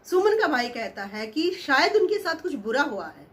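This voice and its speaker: A woman's voice: high-pitched, very animated, normal speed, a bit bright. A woman casually telling a story, chatty and musing aloud as she goes.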